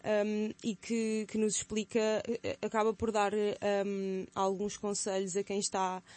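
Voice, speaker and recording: A woman with a European Portuguese accent, a guest on a radio show, presenting a magazine issue with animated intonation and sudden upward leaps in pitch. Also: a little slow.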